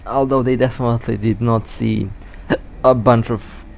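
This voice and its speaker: A man's voice: mid-range voice, steady tone, normal speed, creaky, darkish tone, slight background noise. A man with hiccups giving casual, chatty live commentary while playing a space game, often stumbling and correcting himself. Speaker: mobile space game player.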